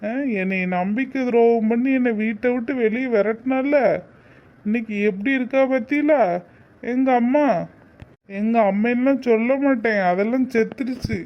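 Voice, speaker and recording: A man's voice: extremely high pitch, normal speed, dull audio. A man voicing a bitter young man who speaks angrily and resentfully. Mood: angry. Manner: angry, resentful. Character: bitter young village man, disowning his mother.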